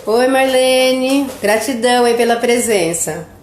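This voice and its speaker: A woman's voice: fairly high pitch, measured pace, slight background noise. A middle-aged woman hosting a live stream, telling a family story in a chatty, casual way and often tagging her sentences with a questioning "right?". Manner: chatty, keeps asking "né?" after her sentences. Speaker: host of a live stream about children's nutrition. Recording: roomy echo.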